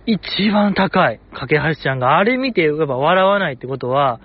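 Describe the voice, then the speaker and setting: A man's voice: on the high side, lively intonation, normal speed, slightly rough. A man hosting a casual solo talk show, rambling with chuckles and mock-formal asides. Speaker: podcast host. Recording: slightly dull, dry recording.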